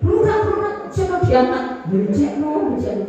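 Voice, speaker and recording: Woman pastor, high voice, lively sing-song sermon delivery; picked up from far off in a reverberant hall. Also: fairly quick. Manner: preaching with call-and-response, singsong rises and sudden drops. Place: large church hall.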